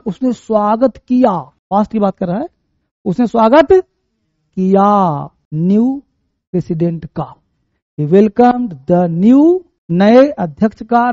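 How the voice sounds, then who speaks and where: Male grammar teacher, high voice, mellow tone, dry muffled sound. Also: no echo. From India. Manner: animated, acts out everyday scenes to explain. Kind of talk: classroom lecture.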